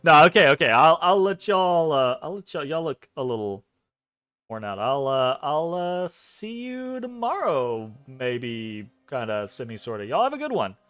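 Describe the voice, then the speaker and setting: A rambling, worn-out young wizard student, put on by a man in a tabletop game. His voice sits high and swoops lively up and down. He keeps apologizing as he trails off. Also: a little slow, clear, resonant tone.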